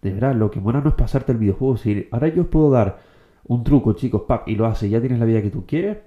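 A young man from the Canary Islands giving a casual motivational monologue, slangy and quick, forever dropping "tío" and "bro". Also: medium pitch, lo-fi sound. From Canary Islands, Spain. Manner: slangy, fast, keeps saying "tío" and "bro". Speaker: motivational content creator.

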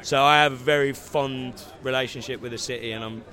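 A man with an English accent, an actor from London, chatting in an outdoor red-carpet interview with relaxed, dry humor. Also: mid-range voice, brisk. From London, England. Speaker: actor, guest. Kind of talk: casual interview chat.

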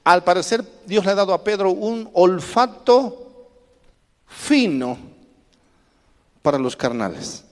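Male pastor, high voice, emphatic preaching with call-and-response, long reverb from the church hall. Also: lively intonation, slow pace, long pauses. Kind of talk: sermon.

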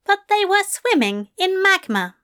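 A woman voicing a fussy, fond male angel who speaks in a genteel, prim and gently teasing way. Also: very high voice, very animated, measured pace, voice pushed up, full character voice.

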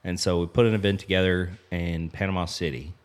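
At a lodge, a podcast guest in his thirties who co-founded an apparel business spins a casual story. His low voice stays fairly even and moves fairly quickly. He rambles loosely, with lots of filler.

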